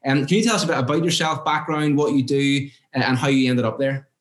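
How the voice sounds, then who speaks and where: Earnest host, echoey room. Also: male voice, mid-range voice, fast talker. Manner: earnest, quotes scripture, "uh" fillers. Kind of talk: reflective devotional talk and interview.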